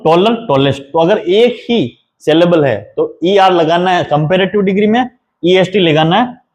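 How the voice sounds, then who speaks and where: A man teaching an exam-prep grammar lesson, explaining step by step and mixing English terms into Hindi, reading English example sentences slowly. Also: fairly high pitch, a little mellow.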